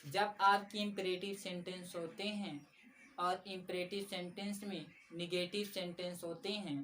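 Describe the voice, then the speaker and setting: A woman's voice: lowish voice, fairly even intonation, unhurried, fairly bright tone. Patient woman teacher, distant mic. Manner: patient, repeats key points, addresses viewers as friends. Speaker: English grammar teacher. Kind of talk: explanatory classroom lesson. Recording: slightly distant mic with faint background noise.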